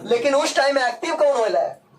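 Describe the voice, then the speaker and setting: A man's voice: very high voice, fairly quick, distant mic, a loud crowd, heavy background noise. Brief: male teacher, playful lecturing, mic set back in a classroom. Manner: lively, playful, acts out scenes in dialect.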